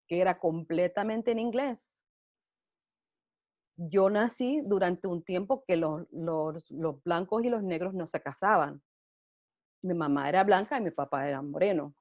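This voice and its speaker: In a dull, lo-fi recording, a middle-aged woman from Puerto Rico speaks casually about her life as an interviewee, often breaking into laughter. Her Puerto Rican Spanish accent comes through in a lowish, slightly mellow voice.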